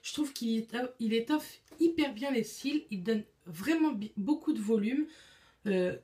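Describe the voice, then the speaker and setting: A woman's voice: fairly high pitch, a little slow, warm tone. A young adult woman chatting casually through her monthly makeup favorites, full of fillers and restarts. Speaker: beauty vlogger.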